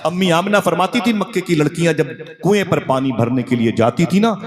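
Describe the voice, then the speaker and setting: A man's voice: a little high, a little fast. Male preacher telling a dramatic sermon. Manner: dramatic, rhythmic storytelling, leading crowd responses. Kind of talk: emotional religious sermon with call-and-response. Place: religious gathering before a crowd. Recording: live gathering with crowd audible.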